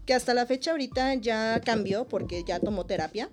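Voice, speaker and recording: A woman with a Mexican accent, a podcast guest in casual chat, telling stories in an animated way and laughing often. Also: fairly high pitch, brisk, loud music behind the voice.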